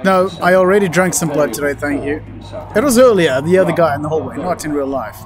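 A man's voice: fairly high pitch, fast talker. A man giving casual, jokey commentary while playing a video game, talking to objects and characters on screen. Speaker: let's play gamer.

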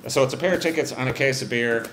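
At a small live venue with a stage, a middle-aged Irish brewery representative banters as a guest in a medium-pitched, fairly bright voice, speaking fast. He makes fun of himself and keeps restarting. The sound, taken from a handheld mic on a stand, is echoey with a faint hum.

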